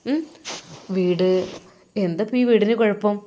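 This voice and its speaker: Give me a woman doing a content young madrasa teacher man, calm, warm and plain-spoken, Malappuram accent. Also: mid-range voice, unhurried, close to an everyday voice. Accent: Malappuram Malayalam.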